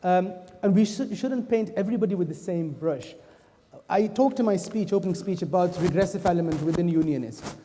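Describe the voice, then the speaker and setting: A man who was born in Pakistan and grew up in the Netherlands, speaking earnestly and in a measured way as a panelist. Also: sits high, dark tone. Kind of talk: panel discussion. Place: event hall. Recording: long hall reverb.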